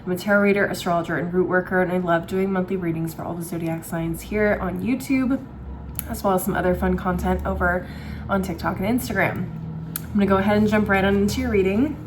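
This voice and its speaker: A woman's voice: fairly low pitch, fast, noisy background. A woman giving a casual, chatty tarot reading to viewers, with a dry throat from a cold and frequent swallowing. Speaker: tarot reader and astrologer host.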